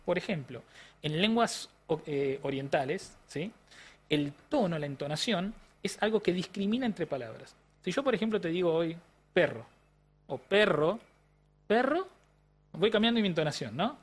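A man's voice: fairly high pitch, expressive, moderate pace, breathy edge. A man with a Rioplatense Spanish accent, explaining science in a didactic interview style with frequent tag questions. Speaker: neuroscientist guest.

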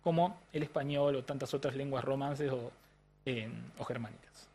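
A man's voice: medium pitch, moderate pace, mellow, breathy edge. A man with a Rioplatense Spanish accent, explaining science in a didactic interview style with frequent tag questions. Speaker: neuroscientist guest.

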